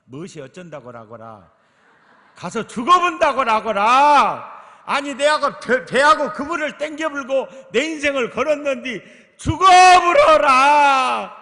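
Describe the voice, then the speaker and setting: A pastor voicing the apostle Peter as an upset fisherman who protests loudly in Jeolla dialect. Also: very high voice, sing-song, voice pushed up, full character voice. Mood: indignant protest. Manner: shouting, drawn-out indignant pleading. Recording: long hall reverb.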